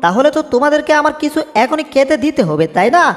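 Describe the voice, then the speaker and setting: A woman's voice: high voice, animated, fast talker. Tom, a woman doing a whiny bumbling cartoon cat. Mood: fretful. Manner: whiny, fretful, cries out in alarm. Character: soft-hearted bumbling male cartoon cat. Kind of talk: homemade cartoon dub. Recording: long reverb, echoey room.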